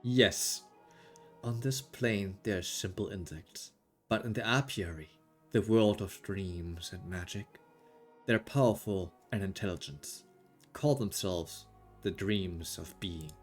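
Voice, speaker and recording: A man voicing a stern, aloof male storm wizard who makes measured, solemn pronouncements. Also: low voice, faint music behind.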